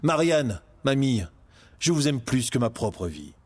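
A man voicing a brave, loving young outlaw in a storybook reading, earnest and gentle. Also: mid-range voice, very animated, a little slow, husky. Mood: tender.

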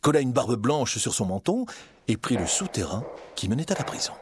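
A man narrating a storybook aloud, animated and expressive, his voice rising and falling freely. He speaks at a middling pitch. A faint background ambience sits under the voice. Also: brisk, background noise. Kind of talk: storybook reading.

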